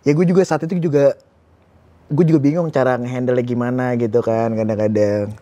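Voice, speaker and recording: Casting: man, late 20s, quick rambling delivery, candid and self-critical. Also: medium pitch, fairly even intonation, warm tone, dry recording. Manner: fast, rambling, self-critical, informal slang. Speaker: guest. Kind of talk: casual candid conversation.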